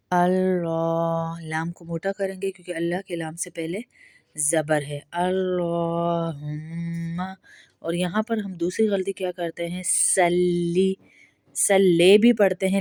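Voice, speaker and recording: A woman with a Pakistani Urdu accent teaching pronunciation, explaining quickly and then reciting each phrase slowly as a model. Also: fairly low pitch, mellow, dry recording. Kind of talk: step-by-step pronunciation lesson.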